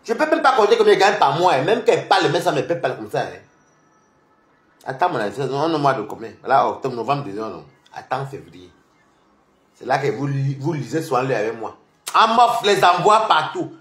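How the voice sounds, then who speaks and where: A man's voice: mid-range voice, very animated, fairly quick, a bit bright. A man, a social media commentator delivering a heated, taunting and combative rant. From Cameroon. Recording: roomy echoey room.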